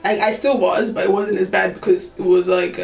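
A woman's voice: mid-range voice, fairly even intonation, fairly quick, creaky, darkish tone, roomy sound, poor audio. A woman of twenty-four, chatting candidly to camera with many fillers and frequent laughs. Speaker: vlogger. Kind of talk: casual chat to camera. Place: small room indoors. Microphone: camera on tripod.

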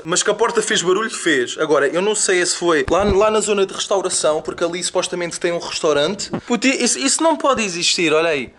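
A young man with a European Portuguese accent hosting a casual vlog, excitable and jumpy, talking straight to his viewers in slangy bursts with nervous laughter. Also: high voice, slight background noise. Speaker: vlogger host. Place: indoor room at night.

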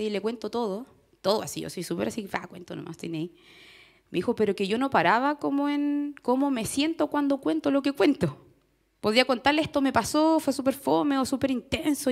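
A woman's voice: on the high side, vocal fry. A woman with a Chilean accent preaching a conversational sermon in church, often asking the congregation questions and laughing. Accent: Chilean Spanish.

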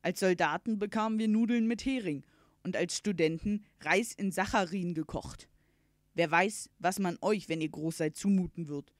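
A woman voicing a jolly, eccentric middle-aged uncle in a storybook reading, loud and boisterous. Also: lowish voice, normal speed, no echo, clean studio sound, natural voice. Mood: hearty.

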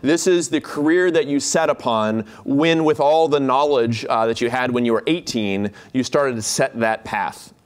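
A man's voice: medium pitch, moderate pace, hardly any pauses, clean tone. A man giving a keynote lecture on a hall stage, chatty and jokey, with many fillers and restarts. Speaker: keynote speaker, instructor.

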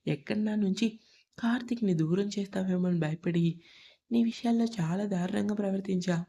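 A middle-aged mother-in-law full of regret, read by a woman narrator. She speaks tearfully and pleadingly, in a mellow, breathy voice. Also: medium pitch.

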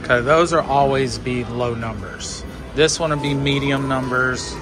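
A man gives casual, slow-paced gambling commentary on a casino floor. He speaks in short bursts, counting along and coaching at a medium pitch. Music plays clearly behind him. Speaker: slot machine vlogger coaching a friend. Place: indoor casino floor at a slot machine. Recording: music playing in a busy casino. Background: loud casino machine music.

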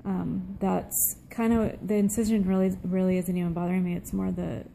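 A middle-aged woman giving a casual update to camera, sounding tired, subdued and weak after surgery, with a gravelly, low-energy voice. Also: level tone, moderate pace, noisy background. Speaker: vlogger. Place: small room at home, seated indoors. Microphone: phone at arm's length.

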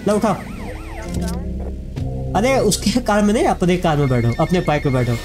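Chatty high-voiced man narrating gameplay. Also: sing-song, normal speed, music in the background. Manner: chatty, addresses viewers as friends. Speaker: gaming YouTuber. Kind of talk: casual let's-play commentary.

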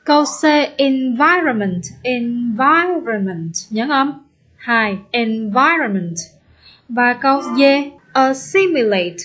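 A woman teacher explaining an exam step by step, repeating example words slowly and patiently. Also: on the high side, a bit bright. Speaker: English teacher. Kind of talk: exam-prep lesson.

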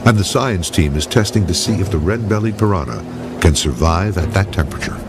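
A man's voice: low voice, animated, a little fast, background noise. An American man reading scripted narration for a nature documentary. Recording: loud music behind the voice. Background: loud background music.

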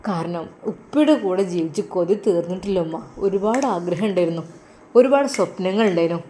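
A woman's voice: lowish voice, expressive, brisk, mellow, a little hiss or hum, natural voice. Woman voicing a grieving devout son. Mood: sorrowful. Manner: earnest, pleading, sorrowful.

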